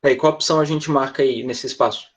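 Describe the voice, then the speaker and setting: A man's voice: medium pitch, fairly even intonation, fast, low-quality recording. A man teaching an English class online, explaining patiently and often checking in with his students.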